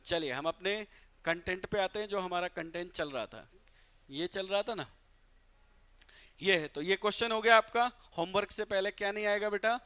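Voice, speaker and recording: Smooth yet sharp in tone, a high-voiced man from Bihar, India teaches English grammar in a live online class. He calls the students "beta," answers the questions he asks them, and reads example sentences in English slowly.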